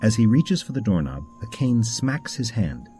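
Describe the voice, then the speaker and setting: A man narrating a mystery game script in a measured, descriptive storytelling manner. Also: lowish voice, big pitch swings, warm tone, soft background music.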